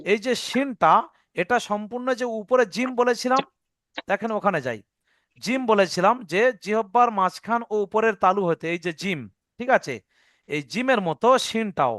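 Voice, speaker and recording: High-voiced man teaching pronunciation. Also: a bit bright, no echo, studio quality. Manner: patient, repeats points, checks understanding; demonstrates sounds aloud. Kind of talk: Arabic letter pronunciation lesson.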